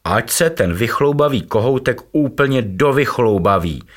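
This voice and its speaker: A man's voice: sits low, big pitch swings. A man voicing a strong, teasing male creature in a children's story, speaking mockingly.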